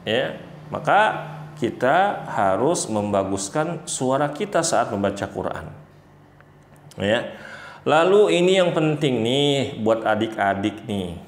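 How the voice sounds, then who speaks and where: A man gives a slow, unhurried lesson to children, playful and talking straight to them. His voice sits a little high for a man. The sound is roomy, with a clear echo. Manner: playful, addresses children directly, acts out examples. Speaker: children's Quran teacher.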